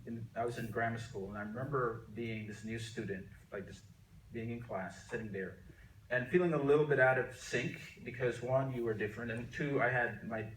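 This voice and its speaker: A man's voice: medium pitch, a little fast, a bit bright, slight background noise. Middle-aged man from Jamaica, rambling interview storytelling, roomy echo, heard from a distance. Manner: rambling, many restarts and fillers. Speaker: interview guest, artist. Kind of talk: relaxed conversational storytelling. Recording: echoey room, mic at a distance.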